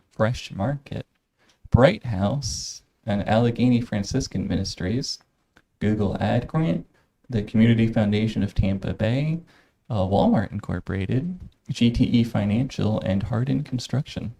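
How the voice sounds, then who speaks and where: A man's voice: on the low side, mellow, low-quality recording. A man co-hosting a livestream in casual chat, recorded with some faint background noise.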